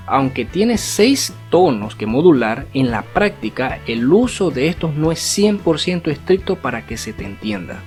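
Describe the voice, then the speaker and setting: A man teaching an online language lesson in an explanatory way, often checking in with rhetorical tag questions. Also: mid-range voice. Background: faint guitar music.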